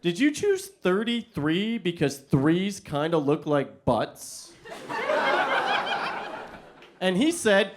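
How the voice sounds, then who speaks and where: A young American man performing a stand-up comedy set, telling stories in an animated way and acting out the other people in them. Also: sits high, takes it slowly, pauses often, noisy background. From United States. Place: comedy venue before a live audience.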